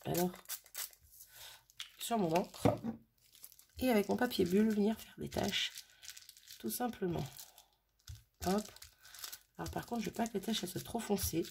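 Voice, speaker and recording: At her craft table at home on a sunny day, a mother vlogs casually while making a card, thinking aloud as she works. Her mid-range voice is unhurried, creaky and darkish, with frequent pauses and slight background noise.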